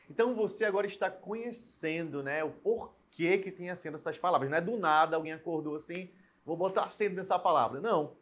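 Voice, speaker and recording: A man's voice: fairly high pitch, fairly bright tone. A man teaching a recorded grammar lesson, explaining rules step by step and checking in with his students. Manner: explanatory, repeats and stretches out example words; checks in often with "né?" and "beleza?".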